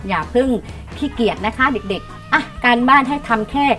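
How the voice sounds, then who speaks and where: A middle-aged woman teaching young pupils in an online lesson. She coaxes them along and reads words aloud slowly so they can repeat after her. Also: fairly high pitch, lively intonation, bright, forceful tone, soft background music. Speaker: primary school teacher.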